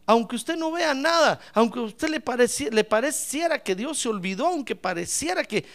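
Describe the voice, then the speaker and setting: A pastor preaching a sermon in a church, calling listeners brother and rising to shouts from a distance. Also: male voice, extremely high pitch, expressive, normal speed.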